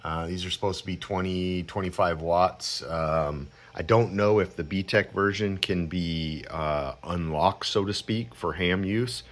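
A man giving a casual, unscripted product demonstration as a radio hobbyist, talking in a halting, informal way. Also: sits low. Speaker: amateur radio hobbyist reviewer. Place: cluttered indoor radio room at home.

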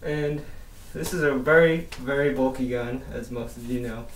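Speaking at medium pitch and a moderate pace, a young man rambles through a casual indoor review of an airsoft mask, dropping the odd mild swear word. The mask and balaclava he wears muffle his voice. Audio comes from a distant camera in a roomy space, with slight background noise.

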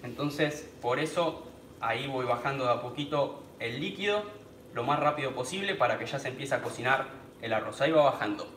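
A man's voice: mid-range voice, fairly quick, fairly bright tone, reverberant, a little hiss or hum. A man with a Rioplatense Spanish accent hosts a live cooking stream, chatting as he cooks and greeting viewers by name. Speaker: cooking channel host. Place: small home kitchen.

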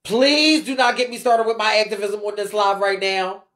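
A livestream host who comments on the ballroom scene rants off the cuff, blunt and emphatic, swearing freely in heavy slang and repeating phrases to hammer her points home. Her mid-range voice is fairly bright, with fairly even intonation and a moderate pace.

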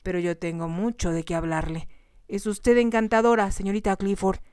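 A woman's voice: medium pitch, level tone, normal speed, a little mellow, clean tone, dry recording, clean studio sound, lightly acted. A woman voicing a pushy man who forces his way into a lady's room and brushes off her pleas. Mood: smug insistent. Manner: insistent, smug.

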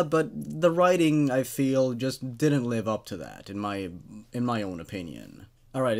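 A man in his twenties hosts a show where he reads horror stories aloud and reviews them, chatting about them casually. His mid-range voice is a little mellow.

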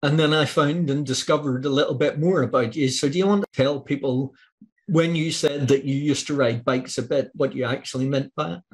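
This interview host is an Australian man talking with an author by video call from his home office, picked up on the webcam mic. He sounds a little high and brisk, keeping things casual and friendly while his questions run on at length.

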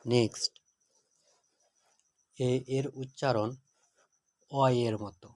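Slow, measured male grammar teacher. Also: medium pitch, fairly even intonation, no echo. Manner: measured, word-by-word dictation with translations.

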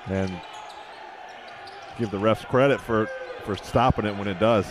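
A man's voice: on the low side, steady tone, measured pace. Man giving conversational sports analysis, noisy arena. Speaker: color commentator. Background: arena noise, bouncing basketball.

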